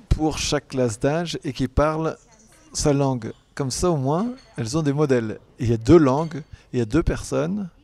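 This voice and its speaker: Working as a conference interpreter, a man simultaneously renders a panel speaker in halting phrases, often restarting and correcting himself. His voice is medium in pitch, creaky, and darkish in tone.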